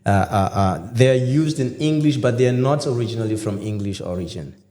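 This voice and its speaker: A male podcast host chats playfully in a casual interview, lively and full of fillers and restarts. His voice is on the low side and brisk, and the recording is roomy and reverberant, taken in an echoey room with long reverb.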